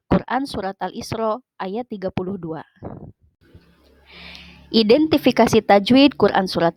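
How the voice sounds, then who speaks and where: A woman, teaching a religious studies lesson in a slow, careful, scripted way. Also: mid-range voice, a little mellow, a little hiss or hum, rough recording. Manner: slow, careful, measured delivery with Quranic recitation.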